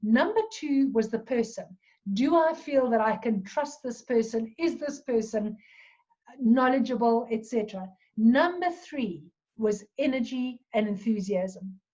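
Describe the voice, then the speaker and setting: A woman giving a talk on public speaking, with a clear, measured delivery and deliberate pauses. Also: on the high side, expressive, a little mellow. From South Africa. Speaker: presentation coach. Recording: dull lo-fi recording.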